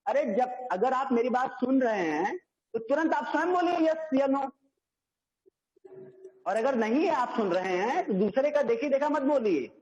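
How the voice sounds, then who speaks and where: Man, Indian accent, schoolteacher, very high voice, echoey lo-fi sound. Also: darkish tone. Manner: strict, repeats phrases, mixes Hindi and English. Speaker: school maths teacher. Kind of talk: online class teaching. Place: classroom or home at a board. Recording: echoey, dull lo-fi online class audio.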